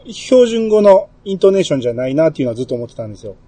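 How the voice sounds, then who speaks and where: A man with a Kansai accent hosting a casual podcast chat, relaxed and chatty, with many fillers and small laughs. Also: a little high, racing, dry recording. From Kansai, Japan. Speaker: podcast host.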